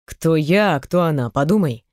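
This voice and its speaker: A woman voicing a gruff, weary young man in an audiobook, speaking low and terse. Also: lively intonation, moderate pace, darkish tone, no room sound, clean studio sound.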